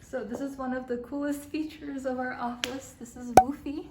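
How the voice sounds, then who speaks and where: Slightly gravelly young woman giving a casual tour. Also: high voice, moderate pace, heavy background noise. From Romania. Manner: relaxed, many "um" and "I guess" fillers. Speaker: startup cofounder and lead developer. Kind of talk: casual interview and office tour.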